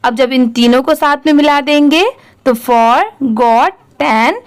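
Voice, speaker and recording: A woman's voice: high voice, steady tone, normal speed. A young woman teaching English reading in an online lesson, patiently spelling out each word letter by letter, then saying it whole, and asking the viewer questions she answers herself.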